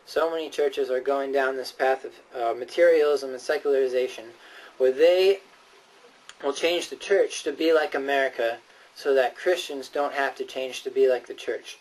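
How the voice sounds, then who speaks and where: A man's earnest, emphatic, often hesitant speech has a persuasive, preacherly quality; it is a prepared address. He speaks in a mid-range, steady tone at normal speed, recorded at a distance from the microphone.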